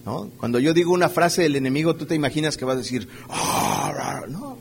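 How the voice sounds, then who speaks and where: A man preaches in a relaxed, conversational way, often asking his listeners rhetorical questions. His voice sits a little high for a man. A faint hum runs under his words. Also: very fast. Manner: checks in with the audience through frequent rhetorical questions; playfully acts out everyday scenes while preaching. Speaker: pastor. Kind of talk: conversational sermon.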